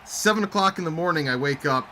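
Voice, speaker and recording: Young male co-host, bright and slightly high, rambling casual storyteller. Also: expressive, fast talker, a little hiss or hum. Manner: rambling anecdotal storyteller, reads chat aloud. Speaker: co-host of a game-sim stream. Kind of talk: casual chat over a simulated football game.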